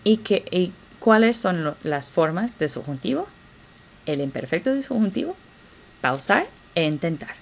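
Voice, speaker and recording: Slow, lively woman teaching Spanish. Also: fairly low pitch. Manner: slow, encouraging drill pace with pauses. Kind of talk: classroom grammar lesson.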